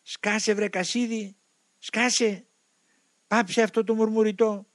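A man voicing a male demon possessing a monk, shouting threats and mockery. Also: high voice, little pitch movement, dry recording, clean studio sound, voice pushed up, close to an everyday voice. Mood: furious.

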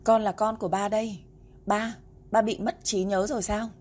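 A woman's voice: medium pitch, warm tone, close to an everyday voice. A woman voicing a clever little boy who fakes a tearful, panicked plea on a phone call in a storybook reading. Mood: tearful pleading. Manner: pleading, sobbing, rapid.

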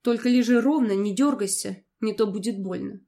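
A woman voicing a gentle young male heir. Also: mid-range voice, moderate pace, lightly acted. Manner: gentle, soft.

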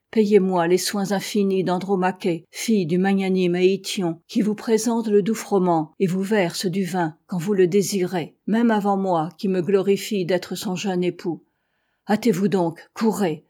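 A woman's voice: mid-range voice, fairly even intonation, measured pace, warm tone, lightly acted. A woman reading as a boastful Trojan warrior chief. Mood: taunting. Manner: taunting, commanding.

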